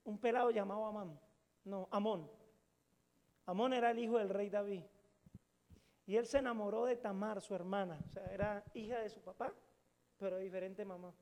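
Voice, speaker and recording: A middle-aged man preaches to his congregation. His voice sits high and carries a gravelly edge. He tells stories casually and jokes as he goes, throwing questions out to the audience. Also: a little mellow. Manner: colloquial, joking storytelling with questions to the audience. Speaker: pastor. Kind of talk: sermon.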